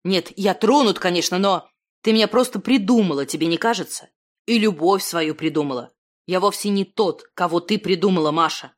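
A woman's voice: on the low side, fairly quick, natural voice. A woman voicing a self-deprecating thirty-year-old man, a failed artist who talks himself down. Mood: self-mocking. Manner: self-deprecating, fumbling, then heated.

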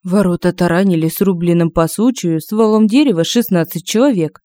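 A woman narrating a humorous fantasy audiobook in an expressive, lively storytelling manner, recorded on a close home-studio mic. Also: on the low side, normal speed, no room sound.

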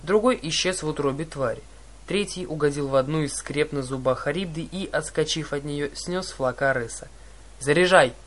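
A man reading a first-person adventure story aloud, with dramatic, animated narration. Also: fairly high pitch, moderate pace. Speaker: audiobook narrator.

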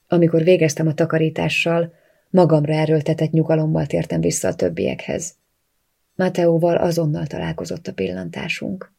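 Audiobook reader, first-person narration, subdued, quiet, gravelly. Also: medium pitch.

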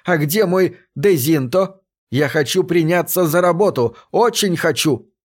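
A man's voice: fairly high pitch, lively intonation, a little slow, voice pushed up. A man voicing a meek, bewildered work robot in an audiobook, speaking in a plaintive, aggrieved way. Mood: upset, insistent. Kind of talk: audiobook reading of a science fiction story.

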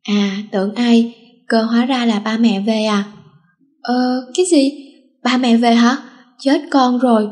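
A woman's voice: fairly high pitch, fairly even intonation, measured pace, long pauses, darkish tone, close to an everyday voice. A woman voicing a cheeky, insolent schoolgirl who talks back with teasing, offhand remarks. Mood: nervous.

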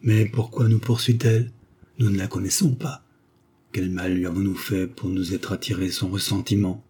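A man's voice: low-pitched, fairly even intonation, moderate pace, dark tone, breathy edge. A man reading the lines of a proud, impulsive young French duke in an audiobook, in an indignant, dignified voice.

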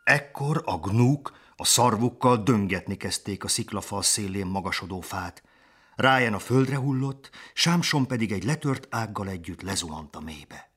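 A man narrating a children's storybook in an expressive, lively way. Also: fairly low pitch, breathy edge. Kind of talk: storybook reading.

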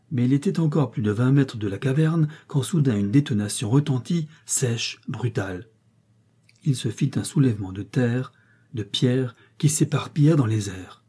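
A husky male narrator reads a classic adventure novel in a measured, dramatic style. His tone is dark and relaxed. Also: medium pitch. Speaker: audiobook narrator.

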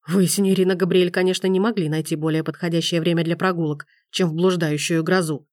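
Woman doing stern scolding man, low voice, commanding, audiobook. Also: fairly even intonation, quick pace, darkish tone, no room sound, clean studio sound, natural voice. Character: gruff commanding man, rescuer in a storm. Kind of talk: audiobook reading.

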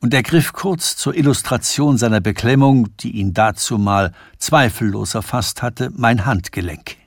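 A man reading a novella aloud in a measured, expressive style for radio. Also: medium pitch, no echo, clean studio sound. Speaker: audiobook reader. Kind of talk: scripted literary narration. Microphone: studio microphone.

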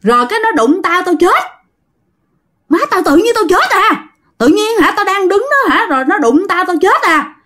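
A woman's voice: big pitch swings, normal speed, sharp tone, exaggerated voice. A woman voicing the furious, vengeful ghost of a man killed in a road crash, ranting over and over. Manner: shrill, ranting, repetitive.

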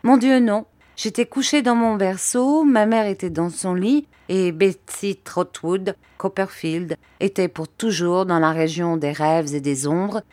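A woman reading a classic novel aloud in measured, expressive narration. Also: fairly low pitch, no room sound. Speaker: audiobook reader.

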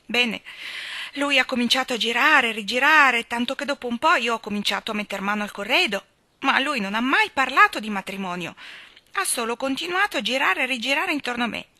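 A woman's voice: on the high side, animated, brisk, bright, forceful tone, no echo. A woman reading aloud and voicing a distressed forty-year-old unmarried woman who pours out her grievances in sobbing, indignant bursts. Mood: aggrieved. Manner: sobbing, indignant, pleading outbursts. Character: tearful forty-year-old spinster woman, wounded and bitter.

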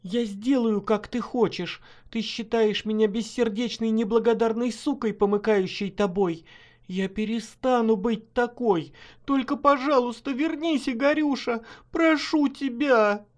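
A desperate young wife from a dramatic audiobook, as a man puts her on, begging in a high, strained voice well above his own. She sounds shrill and near tears. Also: expressive, unhurried, a little mellow. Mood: pleading. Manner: shrill, pleading, tearful.

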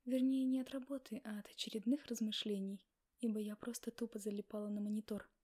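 A woman narrating a first-person novel in a quiet, reflective way. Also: mid-range voice, steady tone, quick pace. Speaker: audiobook reader.

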